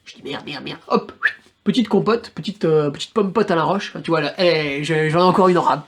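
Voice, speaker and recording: Husky-voiced man, crude race storyteller. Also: on the high side, fairly quick. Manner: crude, slangy, lively storytelling. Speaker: trail runner recounting his race. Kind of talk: casual race recap.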